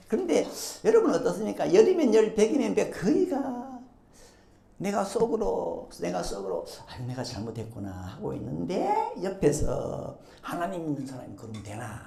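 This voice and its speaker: A man's voice: sits high, creaky, mellow, a little hiss or hum. A male pastor preaching a sermon, acting out quoted speech and prompting the congregation. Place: church sanctuary. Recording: echoey church hall.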